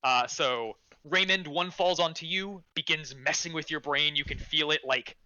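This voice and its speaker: A man narrating an improvised tabletop game as game master, in an animated, amused way. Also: on the high side, moderate pace, highs cut off.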